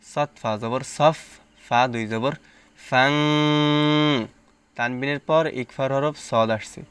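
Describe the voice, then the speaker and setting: A man teaching Quran reading, spelling out letters and reciting words slowly between plain explanations. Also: medium pitch, fairly even intonation, fairly bright tone, clear, resonant tone.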